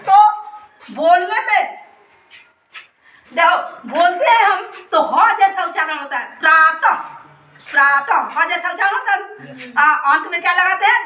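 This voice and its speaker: A woman's voice: very high voice, sharp tone. A woman teaching a grammar lesson to children, asking questions and answering them herself, often repeating key words and laughing as she explains. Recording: echoey room, voice from a distance.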